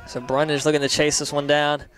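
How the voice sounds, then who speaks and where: A young man calling a live college soccer match play by play, steady between plays and rising sharply on chances. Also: a little high, brisk. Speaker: play-by-play commentator.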